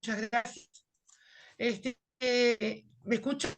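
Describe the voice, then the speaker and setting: A woman's voice: on the high side, level tone, takes it slowly, gravelly, a little hiss or hum. A woman speaking over a video call whose audio keeps breaking up, politely checking whether she can be heard. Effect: choppy, breaking-up video call audio. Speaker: audience member on a video call. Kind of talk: conversational comment.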